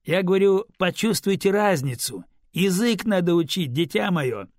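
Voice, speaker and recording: A man's voice: high voice, expressive, moderate pace, no room sound, clean studio sound, pitched above the performer's own voice. A man voicing a curt, mildly mocking male university student in an audiobook. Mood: teasing. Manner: curt, teasing.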